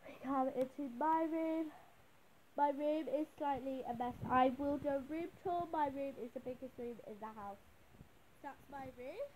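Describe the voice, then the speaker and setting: A woman's voice: high voice, noisy background. A woman giving a casual walk-through of her home, chatting and listing things as she goes, recorded on a handheld phone indoors. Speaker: vlogger giving a house tour. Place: inside a home, moving between rooms. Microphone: handheld phone camera.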